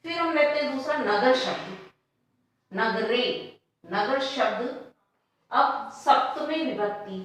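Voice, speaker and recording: A woman teaching a Sanskrit lesson who reads each line slowly, then explains it and asks questions she answers herself. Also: high-pitched, lively intonation, fairly bright tone, reverberant, a little hiss or hum.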